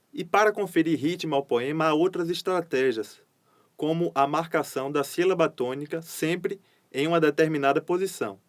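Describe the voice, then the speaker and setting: Man teaching poetic meter, fairly high voice. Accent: Brazilian Portuguese. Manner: measured, explanatory, reads poems louder and rhythmic. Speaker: poetry course teacher. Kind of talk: lecture with poetry readings.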